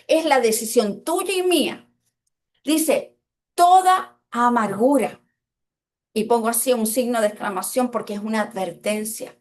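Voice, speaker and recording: A woman preaches in a church. She slows down to lean on verses from scripture and puts questions to her congregation. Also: a little high. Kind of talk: sermon.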